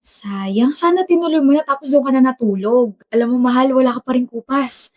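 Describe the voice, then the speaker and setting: A woman's voice: high-pitched, brisk, darkish tone. A woman acting out a romantic skit, trading teasing, bickering lines. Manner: teasing, bickering back-and-forth. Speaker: skit actor. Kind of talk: scripted romantic skit dialogue.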